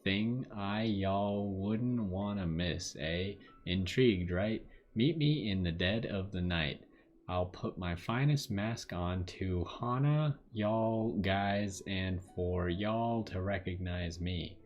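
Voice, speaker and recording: A man reading out a letter in a put-on American Southern accent, playing a folksy male treasure hoarder with a slow drawl. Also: low voice, lo-fi sound, soft background music. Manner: slow drawling read-aloud.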